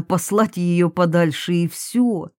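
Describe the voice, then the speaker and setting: A woman voicing a calm grown man, a gently teasing husband, speaking low and softly in an audiobook. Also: no echo, studio quality. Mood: amused. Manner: low, soft and unhurried.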